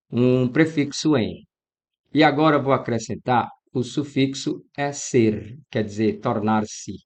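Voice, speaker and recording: A Brazilian man teaching an exam-prep grammar lesson, talking straight to his students and acting out their questions. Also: mid-range voice. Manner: lively, talks to students directly, acts out student questions. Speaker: Portuguese teacher.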